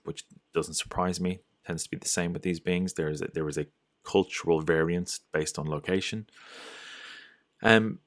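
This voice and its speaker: A man's voice: deep voice, fairly bright tone, no echo, clean studio sound. A man giving a casual, loosely structured lecture on folklore, often restarting his sentences. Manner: loose and digressive, with frequent restarts and fillers.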